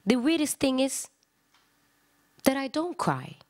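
Her voice high-pitched and her pace slow, a woman actor performs a literary text live with plenty of expression. She alternates between declamation and chatty asides.

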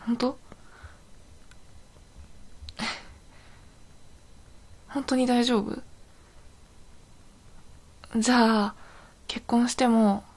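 A woman's voice: a little high, level tone, drawn-out words, pauses often, darkish tone, heavily acted. A woman playing a young, possessive yandere girlfriend in an intimate role-play audio drama, sounding sweet, clingy and eerily obsessive. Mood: anxious, sweet, then clingy, tender.

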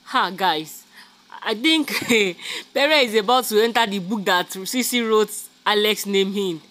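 Host doing a reality show recap, bright voice, chatty, keeps saying guys. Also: mid-range voice, measured pace. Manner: chatty, calls viewers "guys", many fillers. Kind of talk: casual gossip recap.

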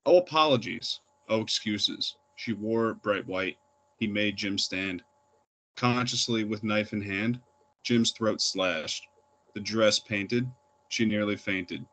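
A young man with a lowish voice reads his poems to a listening audience. He talks plainly and a little haltingly between pieces, then reads the verses straight through. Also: a bit bright. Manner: plain unpolished delivery with fillers. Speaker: poet reading. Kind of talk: poetry reading.

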